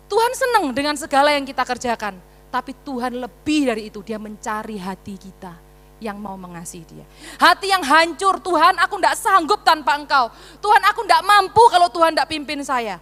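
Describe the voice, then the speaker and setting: A woman preaches with a high, bright voice and animated, playful delivery. Her sermon rings through a reverberant church hall. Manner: animated, playful, sprinkles Javanese interjections. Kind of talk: lively sermon.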